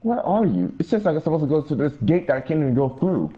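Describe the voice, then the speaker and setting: Excitable man playing a co-op game. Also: a little high, fast talker, dull audio, soft background music. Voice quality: exclaims at game glitches, teasing. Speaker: gaming partner. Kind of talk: casual co-op gaming chat.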